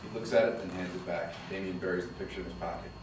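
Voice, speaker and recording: The stage directions at this screenplay table read come from a fast-talking man with a low-pitched voice, reading the action lines evenly and steadily. The mic is distant, and the room is echoey and noisy.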